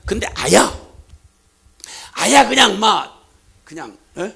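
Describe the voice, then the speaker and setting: Gravelly, impassioned preacher. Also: male voice, high voice, big pitch swings, takes it slowly. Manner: impassioned preaching, shouting divine questions. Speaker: pastor. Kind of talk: sermon.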